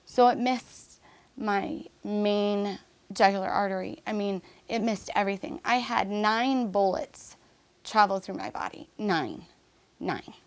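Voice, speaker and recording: Earnest woman telling her story, halting. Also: mid-range voice, expressive. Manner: halting, with restarts and fillers. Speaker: interview guest. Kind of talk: personal story in a podcast interview.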